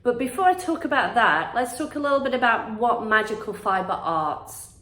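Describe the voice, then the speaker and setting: With a slightly high, somewhat bright and expressive voice at a moderate pace, a woman hosting a witchcraft crafts channel chats to camera. Still congested post-flu, she rambles a bit, restarting and saying um.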